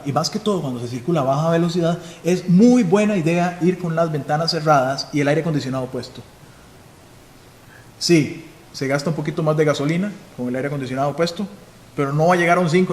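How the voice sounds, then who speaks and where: A man with a Costa Rican accent, a police chief giving a live security seminar, who asks questions and then answers them himself. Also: a little high. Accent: Costa Rican Spanish. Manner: instructive, asks and answers his own questions. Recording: echoey hall with faint noise.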